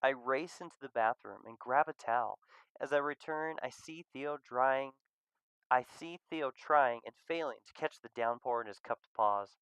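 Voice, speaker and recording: A man's voice: medium pitch, measured pace, clear, resonant tone, no echo, low-quality recording. Man narrating a visual novel. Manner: reflective, steady storytelling.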